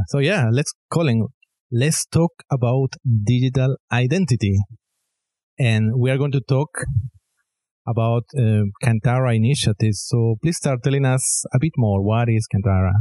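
Male podcast host, warm mellow tone, dry close sound, measured and formal. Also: medium pitch, no room sound. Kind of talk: scripted introduction and interview.

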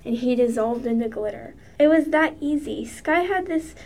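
A woman reading aloud a short spooky story, in a plain, steady storytelling manner. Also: high-pitched, normal speed. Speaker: story reader.

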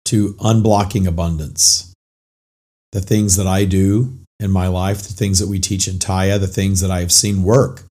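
A middle-aged man hosting a podcast monologue as a spiritual coach, his voice hoarse, raspy and whispery, as if nearly lost. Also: sits low, mellow. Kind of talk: informal motivational monologue.

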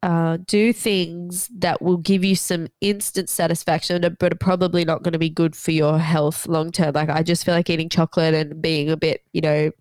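A woman's voice: sits low, flat delivery, moderate pace, hardly any pauses, darkish tone, dry recording. A woman podcast co-host chatting casually and reflectively, sounding congested with a head cold and a blocked nose. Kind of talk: casual chat.

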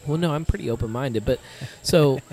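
A man's voice: medium pitch, a little fast, a little mellow. A man hosting a podcast in casual chat, rambling and correcting himself, laughing easily. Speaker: podcast host.

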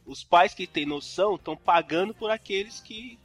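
A man's voice: high-pitched, moderate pace, soft background music. Man reasoning aloud, slangy. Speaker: podcast co-host. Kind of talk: casual chat.

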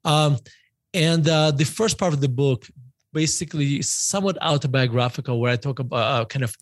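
A man's voice: mid-range voice, normal speed, no room sound. Middle-aged Russian-born man, podcast guest, rambling and self-correcting, dry recording. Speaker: guest author. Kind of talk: podcast interview.

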